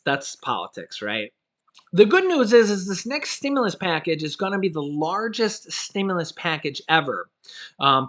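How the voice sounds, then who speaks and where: A man's voice: a little high, sharp tone. A man giving casual political commentary in a vlog, rambling and filling his talk with "you know" and "of course". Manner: self-correcting, loose talk. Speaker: vlogger on stimulus news.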